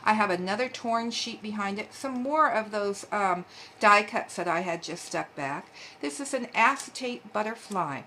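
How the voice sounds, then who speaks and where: A woman at her craft table talks through her handmade cards in a relaxed, meandering way, often pausing on an um. Her pitch sits in an ordinary middle range. A faint hiss of room noise stays under her voice. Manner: chatty, meandering, with frequent ums. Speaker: papercraft channel host. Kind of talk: casual craft show-and-tell.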